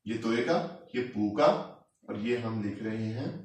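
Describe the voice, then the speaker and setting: A man teaching Chinese tones, talking slowly and deliberately and repeating each syllable for practice. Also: lowish voice. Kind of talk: recorded language lecture. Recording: very echoey room, mic far off.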